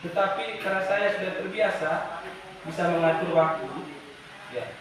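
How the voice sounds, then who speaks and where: A man's voice: high voice, fairly even intonation, moderate pace, fairly bright tone. A man teaching a class of pupils, asking questions and repeating himself with many restarts and "ya" tags. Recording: echoey, from far off, noisy.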